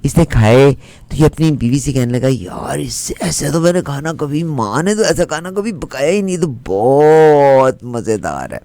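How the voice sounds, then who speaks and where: A man's voice: mid-range voice, a little slow, dry recording. A man with a Punjabi accent playing a chatty middle-aged woman who tells a comic folk tale and chants its funny lines over and over. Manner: lively, animated narration with repeated chants. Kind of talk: comic storytelling.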